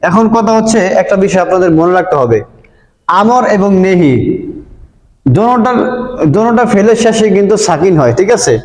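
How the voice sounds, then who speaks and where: High-voiced man teaching in an echoey room. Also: lively intonation, brisk, pauses often, darkish tone. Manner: patient, repeats points and checks understanding often. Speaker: Arabic grammar teacher. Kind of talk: board lesson explaining Arabic verb forms. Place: room with a board. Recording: echoey room with long reverb.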